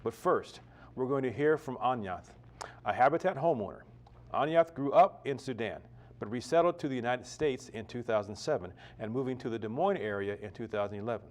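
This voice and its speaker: Man, ceremony emcee, formal delivery, mid-pitched voice. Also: lively intonation, brisk. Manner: formal, reads sponsor list. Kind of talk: prayer and event hosting.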